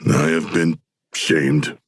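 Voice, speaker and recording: An actor voicing a humanoid shark warrior in a video game, earnest, proud and bloodthirsty, with stilted, grandiose, formal phrasing. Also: male voice, extremely low pitch, little pitch movement, slow pace, breathy edge, dry recording, studio quality, exaggerated voice. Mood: earnest, musing. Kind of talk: video game character voice lines.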